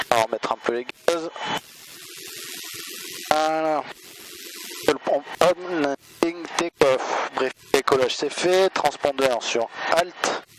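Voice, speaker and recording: Un homme pilote qui énonce ses vérifications et messages radio par phrases brèves, au micro de son casque. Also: male voice, a little high, fairly bright tone, rough recording. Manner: clipped checklist phrases, talking through each action. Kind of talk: calling out cockpit checks and radio calls. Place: inside a small aircraft cockpit. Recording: engine noise, over a pilot headset.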